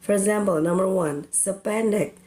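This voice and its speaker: A young woman with an Indonesian accent teaching English grammar in a deliberate, step-by-step way, drawing out example words syllable by syllable. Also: medium pitch, a little mellow, rough recording. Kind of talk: slow step-by-step grammar lesson.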